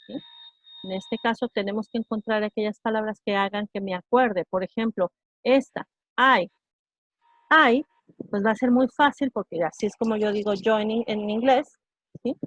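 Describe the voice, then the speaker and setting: A woman's voice: mid-range voice, darkish tone, no room sound, highs cut off. A woman teaching an online English class, explaining sounds patiently and checking understanding often.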